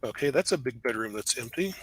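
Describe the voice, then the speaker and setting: A man narrating a tabletop game as game master, relaxed and explanatory with frequent fillers. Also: mid-range voice, fast talker, husky, no echo.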